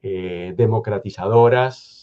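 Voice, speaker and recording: A guest historian with an Argentine Spanish accent speaks in a thoughtful radio conversation, measured and hesitant, restarting his sentences often. His voice is lowish, and the sound has a phone-like quality.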